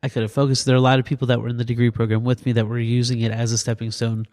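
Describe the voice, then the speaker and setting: A middle-aged man from New Jersey, a paramedic and doctor, telling lively stories in a casual interview and laughing as he talks. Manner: animated, laughs through stories, quick pitch jumps. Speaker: guest, paramedic and EMS physician.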